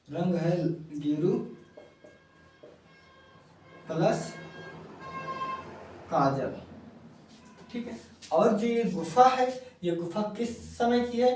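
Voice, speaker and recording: A male teacher giving a classroom lecture, going slowly and repeating key words one at a time so students can write them down. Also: high voice, a little mellow, a little hiss or hum. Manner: slow, repeats key words for note-taking. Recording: echoey room, mic far off.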